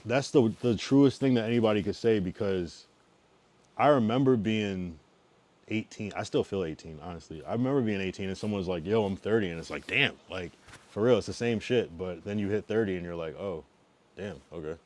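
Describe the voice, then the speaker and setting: A fairly quick, lowish-voiced man in his thirties hangs out with his livestream viewers in a casual, laid-back manner. He comes from the US East Coast, Massachusetts and Connecticut, and drifts from loud speech into mumbling.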